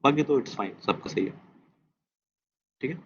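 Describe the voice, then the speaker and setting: A man teacher going over a test, switching between Hindi and English, repeating key statements slowly and quizzing his students. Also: medium pitch, husky, muffled recording. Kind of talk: test discussion lecture.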